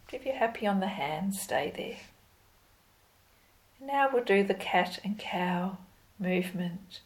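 A woman leading a yoga class as instructor, giving calm, gentle, step-by-step cues in an unhurried way. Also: medium pitch, poor audio. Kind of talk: slow guided yoga instruction.

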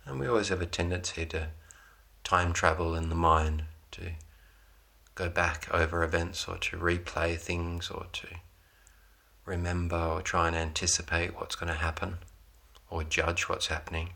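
Very low-pitched man guiding a meditation. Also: level tone, vocal fry, pushed and bright. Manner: unhurried, soothing instruction with pauses between short phrases. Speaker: meditation guide. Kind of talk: guided relaxation meditation.

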